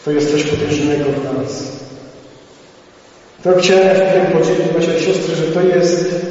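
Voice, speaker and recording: A man's voice: fairly high pitch, measured pace. Man testifying in an echoing church hall. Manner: storytelling that swells into loud fervent proclamations. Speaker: lay preacher giving a testimony. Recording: echoey hall, distant and dull, lo-fi.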